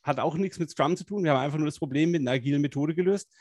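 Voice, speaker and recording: Lively German-speaking man coaching agile teams. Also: fairly high pitch, racing, no room sound, clean studio sound. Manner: energetic, colloquial, many fillers. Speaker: agile coach and live stream co-host. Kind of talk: casual live-stream chat.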